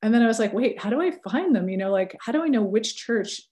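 This Californian woman in her thirties, a researcher and teacher, chats casually in an interview, laughing frequently and filling her speech with fillers and self-corrections. Her voice sits on the high side, a little mellow, and she talks fast and animatedly.

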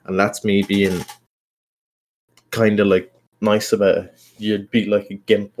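Low-pitched young Irish man, casual podcaster. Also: flat delivery, a little slow, darkish tone. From Ireland. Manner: informal, sweary, self-conscious rambling. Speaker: podcast host. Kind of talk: casual solo podcast chat.

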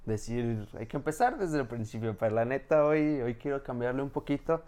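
Man, Mexican Spanish accent, podcast host, casual interview, chatty, filler-heavy, mid pitch. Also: lively intonation, fairly quick, a little mellow. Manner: loose, chatty phrasing with frequent fillers.

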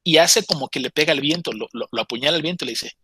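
A man's voice: on the high side, fast talker, bright, forceful tone, breathy edge, no room sound. A man casually telling a story, chatty and often stammering as he restarts his phrases.

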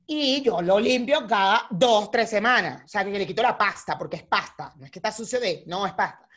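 Venezuelan woman telling a story, husky, pitch all over the place, slangy and animated. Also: a little fast. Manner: animated, slangy, acts out scenes. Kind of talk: casual storytelling chat.

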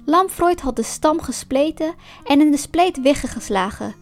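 A woman reads a storybook aloud in a calm, even narration. Her voice sits high and clear. Soft music plays faintly behind her. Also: moderate pace.

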